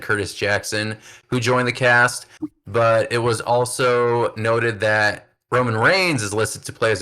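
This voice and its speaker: A man's voice: medium pitch, bright, forceful tone. A man hosting a wrestling podcast, chatting casually in an upbeat, filler-heavy way. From United States. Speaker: podcast host. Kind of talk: casual chat.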